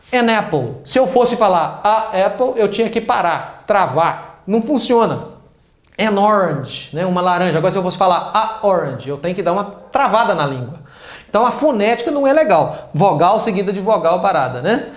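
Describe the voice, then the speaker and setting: A man with a Brazilian Portuguese accent giving a casual, chatty English lesson, explaining through examples and often checking in with "né" and "ok". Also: sits high. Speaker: English teacher. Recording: roomy echo.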